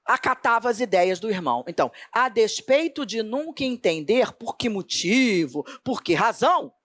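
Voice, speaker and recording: A middle-aged woman with a Brazilian accent teaching a Portuguese grammar lesson for an exam, emphatic and lively, asking questions and then answering them herself. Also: medium pitch, no echo. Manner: animated, emphatic, asks and answers her own questions.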